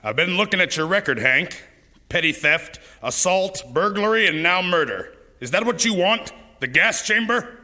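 An actor playing a stern, paternal, hard-bitten police lieutenant who interrogates persuasively. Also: male voice, high voice, lively intonation, moderate pace, pushed and bright, heavily acted. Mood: pressing. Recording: reverberant hall.

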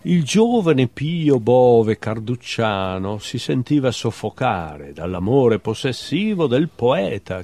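A man's voice: mid-range voice, vocal fry, darkish tone. A man reading a playful little bestiary of short love fables aloud, with a wry, humorous recital in a TV studio talk show. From Veneto, Italy. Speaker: guest poet. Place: television studio.

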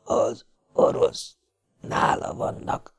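A man's voice: fairly high pitch, lively intonation, vocal fry, no echo, clean studio sound, voice pushed up, full character voice. A man voicing a dying, wounded male ship's cook who whispers faintly in broken grammar. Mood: gasping.

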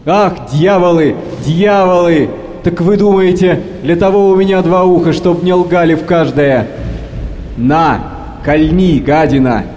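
A man's voice: fairly high pitch, fairly even intonation, moderate pace, lightly acted. An actor playing a furious, commanding male sea captain in an audio play reading. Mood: raging. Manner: shouting, stern. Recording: long hall reverb.

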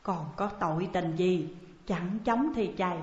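A woman's voice: lowish voice, measured pace, darkish tone, echoey room, big-room sound, dull audio, close to an everyday voice. A woman reading as a tender old mother.

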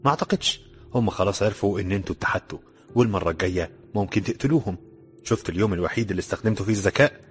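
A man's voice: fairly low pitch, rapid-fire, natural voice. A man doing a cocky, cheerful young laborer. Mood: laughing. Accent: Egyptian. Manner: cheerful, teasing.

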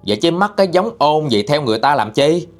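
A man voicing a stern, sharp-tongued old woman exorcist in a ghost story, with a Southern Vietnamese accent and a scolding, mocking manner. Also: a little high, lively intonation, fast talker, faint music behind, pitched above the performer's own voice, natural voice.

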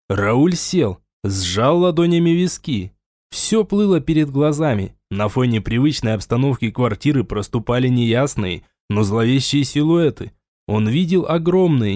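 A man reading a science fiction audiobook in a measured, dramatic narration. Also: medium pitch, darkish tone, dry recording, studio quality. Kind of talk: scripted narration.

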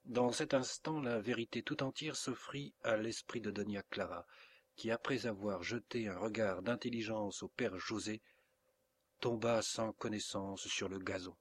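Husky low-voiced French narrator. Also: male voice, steady tone, measured pace. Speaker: audiobook narrator. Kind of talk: scripted narration of a classic novel.

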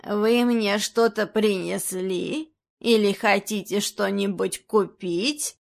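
A woman reading a story and voicing a hunched old male antique dealer with a creaky voice, drawn out and slow. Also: medium pitch. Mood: sly.

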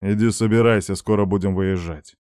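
A man's voice: on the low side, fairly even intonation, a little fast, darkish tone, clear, resonant tone, dry recording, studio quality, close to an everyday voice. A man voicing a stern middle-aged father lecturing his teenage son in a firm, reproachful way.

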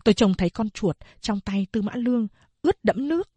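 A woman narrating a novel as an audiobook in a steady storytelling manner. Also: on the high side, a little fast, breathy edge, no echo.

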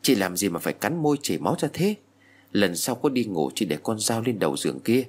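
A man voicing a sharp-tongued old village grandmother who scolds gruffly, within a told horror story. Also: on the low side, big pitch swings, fairly quick. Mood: scolding.

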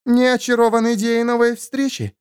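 A man voicing a sharp-tongued, scornful woman who snaps and scolds in an audiobook story. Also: extremely high pitch, level tone, normal speed, clean tone, no room sound, studio quality, pitched above the performer's own voice. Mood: scornful snapping. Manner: snapping, scolding, sarcastic.

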